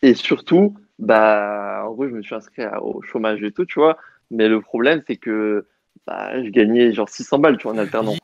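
A man's voice: fairly low pitch, moderate pace, vocal fry, no echo, muffled recording. A young man calling in and chatting casually, hesitant and full of fillers. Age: young adult. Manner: hesitant, filler-heavy, speaks softly. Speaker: caller. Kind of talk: casual chat.

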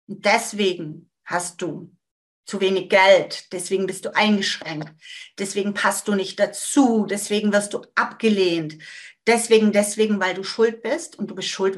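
A woman giving a motivational coaching talk to her audience. She speaks emphatically, repeats phrases, and lets sentence ends trail off quietly. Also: mid-range voice. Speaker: manifestation coach.

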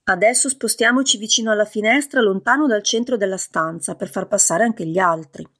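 A woman voicing a cheerful young nurse who talks briskly and kindly. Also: medium pitch, fairly bright tone.

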